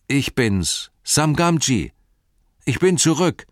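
A man voices an earnest, loyal young male hobbit who speaks eagerly, pitching his mid-range voice above his natural one while staying close to an everyday tone. Delivery is lively in intonation at a normal speed, recorded dry with clean studio sound.

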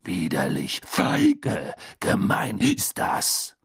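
A man doing a growling gravelly old wizard. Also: low-pitched, huge pitch swings, no room sound, clean studio sound, heavily acted. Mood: gruff. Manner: growling, slow and menacing. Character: gruff scarred old male wizard teacher.

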